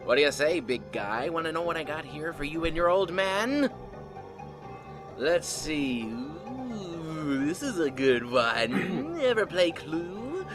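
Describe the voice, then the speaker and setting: A man's voice: a little high, big pitch swings, takes it slowly, over music. A man playing a manic, gleeful clown supervillain in a comic-book audio drama, taunting theatrically with sadistic mock friendliness. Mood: playful menace.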